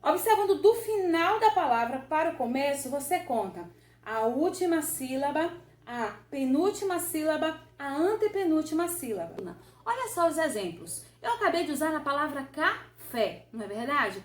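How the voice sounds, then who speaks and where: A woman's voice: high voice, very animated, moderate pace. A woman teacher, patiently explaining a grammar revision lesson and often checking that the listener follows. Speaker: Portuguese teacher. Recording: roomy echo.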